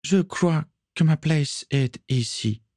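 A gentle young Englishwoman, voiced by a male storyteller, speaks in a raised, soft, heartfelt tone. Her voice sits well above the narrator's own, in a close, dry audiobook recording. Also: on the high side, takes it slowly, no echo, pitched above the performer's own voice. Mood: tender.

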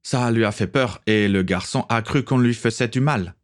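A man's voice: mid-range voice, normal speed, voice pushed up, natural voice. A man voicing an easygoing adult male pirate with a German accent in a storybook reading.

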